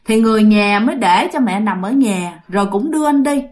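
A woman's voice: mid-range voice, animated, a little fast, a little mellow. A woman with a Southern Vietnamese accent telling a ghost story, chatty and speaking straight to her listeners. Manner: chatty, addresses listeners directly.

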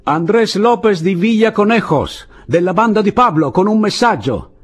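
A man voicing a desperate young guerrilla who shouts and pleads to be let into a trench, in an audiobook reading. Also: sits low, little pitch movement, moderate pace, husky, soft background music. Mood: shouting, pleading.

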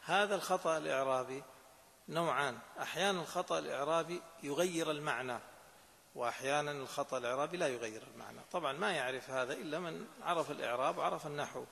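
A man's voice: a little high, rapid-fire, creaky, sharp tone. A man, a sheikh explaining a religious law text to students in a lesson and often checking that they understand. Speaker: sheikh teaching a fiqh text. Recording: echoey hall, faint background noise.

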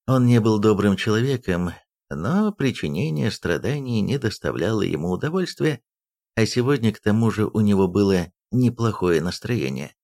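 Male audiobook narrator, gravelly and animated, mid-pitched. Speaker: audiobook reader.

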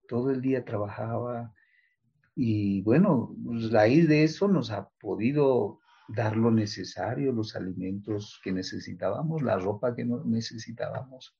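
A man interviewee speaking reflectively and haltingly, with many fillers. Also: mid-range voice, creaky, mellow, breathy edge. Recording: dull, lo-fi audio.

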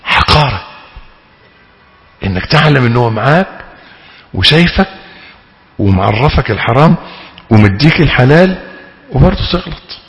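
A male Egyptian sheikh teaches a religious lesson in a large hall, with a long echo trailing each phrase. His pitch leaps and falls all over the place as he acts out pleading prayers, then drops low to explain. It is a lively, dramatic delivery. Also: normal speed, long pauses. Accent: Egyptian Arabic. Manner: animated, dramatic, rising to loud pleading emphasis. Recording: reverberant hall.

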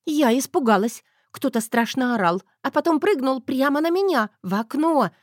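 A woman playing a jumpy young wife in an audiobook who swings between wailing complaints and indignant outbursts. The voice leaps up and down, whiny and high, and it is recorded close and dry. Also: lively intonation, moderate pace, no room sound. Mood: frightened. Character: young wife, frightened, whiny and quick-tempered. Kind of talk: audiobook character voice.

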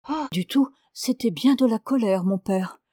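A woman's voice: a little high, a little slow, warm tone, breathy edge, no echo, studio quality. A woman doing a genteel countess, tightly indignant. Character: society countess, sweet-voiced but irritated.

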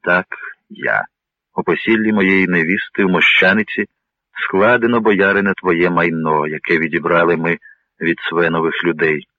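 A calm, self-assured young warrior, read by a man. He speaks steadily in a deep voice. The recording is dry and thin. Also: moderate pace, dry recording. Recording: dry, narrow phone-like sound.

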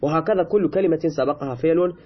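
A husky, fairly high-voiced man working through a grammar lesson, reading a line of text and then patiently explaining it in his own words. He speaks Persian as his first language. The recording is a little muffled and lo-fi. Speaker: Arabic grammar teacher.

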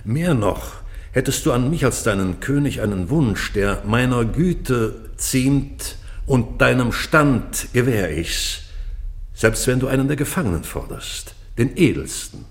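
For a radio drama, a man portrays a proud yet remorseful old British monarch, reciting classical verse solemnly and commandingly, with moments of hushed delivery. The voice is mid-range and animated, at a measured pace.

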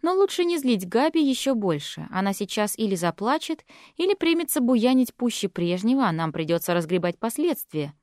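A woman narrating a first-person audiobook in a steady, even way. Her voice sits a little high and sounds dry and close to the mic, with no room echo. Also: a little fast.

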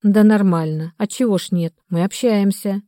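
A woman's voice: mid-range voice, steady tone, moderate pace, dark tone, no echo, clean studio sound, lightly acted. A woman reading the part of a grown, pregnant daughter who answers curtly, in an audiobook. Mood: guarded.

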